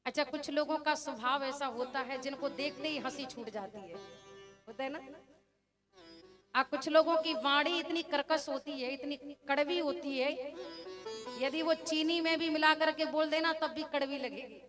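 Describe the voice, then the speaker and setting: A woman preacher telling a devotional scripture story to a village gathering, addressing the crowd directly and slowly chanting verses. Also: high voice, music in the background. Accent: Braj-tinged Hindi.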